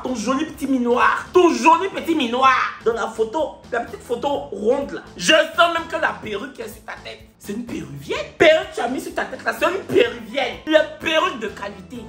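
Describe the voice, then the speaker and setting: A woman's voice: on the high side, roomy sound. A woman, hosting a comic reaction to online comments in a mocking, theatrical way, talking straight back at the people who wrote them. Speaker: online show host.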